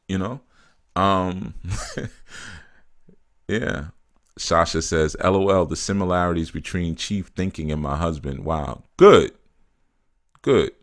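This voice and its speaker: A man talking casually on a live stream, reading viewers' comments aloud and answering them, often laughing and saying "you know" and "man". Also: mid-range voice. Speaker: spiritual teacher answering live chat.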